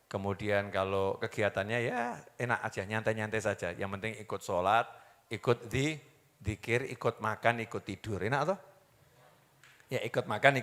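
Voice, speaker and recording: A male preacher, giving an animated sermon that quizzes the audience and acts out the people he quotes. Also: mid-range voice. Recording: long hall reverb.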